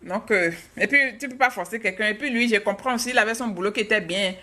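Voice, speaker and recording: A woman's voice: mid-range voice, fast talker, background noise. A woman from Africa, a mother, hosting a live stream and chatting frankly with viewers while answering their questions. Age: adult, mother of a child.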